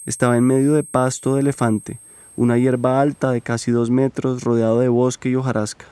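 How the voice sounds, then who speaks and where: Even-voiced male documentary narrator. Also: medium pitch, smooth, dry recording, clean studio sound. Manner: measured, even storytelling.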